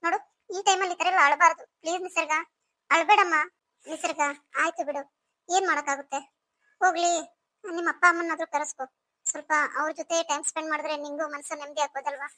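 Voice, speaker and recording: A gentle older sister in a cartoon story, coaxing and soothing, as a woman puts her on. The voice is very high and bright, and she talks fast. It is recorded close and dry. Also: steady tone, no echo. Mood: caring.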